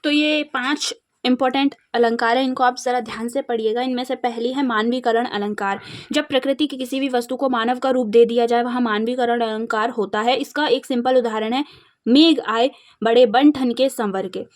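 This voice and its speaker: A young woman from India with a Madhya Pradesh Hindi accent, teaching an exam revision lesson and explaining terms step by step. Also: on the high side. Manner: steady explaining, slows to recite verse examples.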